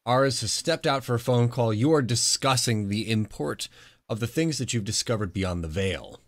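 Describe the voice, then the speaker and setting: A man's voice: medium pitch, animated, normal speed, no room sound, clean studio sound. Laid-back male game master. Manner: laid-back, joking, laughs often. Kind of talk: narrating a tabletop game.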